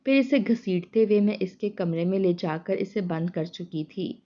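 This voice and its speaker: Brief: woman storyteller, steady dramatic delivery, medium pitch, muffled lo-fi sound. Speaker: narrator. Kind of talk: first-person story narration. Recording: dull lo-fi sound.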